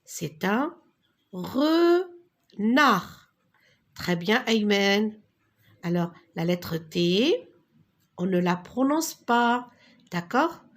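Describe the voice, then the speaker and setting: Very slow woman teaching phonics. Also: mid-range voice, expressive. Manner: slow, syllable-by-syllable, calling on pupils by name. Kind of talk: slow phonics lesson for young children.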